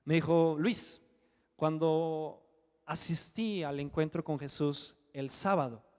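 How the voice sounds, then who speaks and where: A man delivers a sermon built around a personal testimony, speaking earnestly and conversationally with frequent tag questions. His voice sits fairly high. A long hall reverb trails every phrase. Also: slow pace, darkish tone, smooth. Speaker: preacher. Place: church hall.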